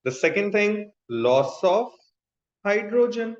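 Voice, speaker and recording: Slow and high-voiced with big swings in pitch, a Pakistani-accented chemistry teacher instructs his class, repeating key terms and asking questions to make sure students keep up. The room sound is dull and echoey.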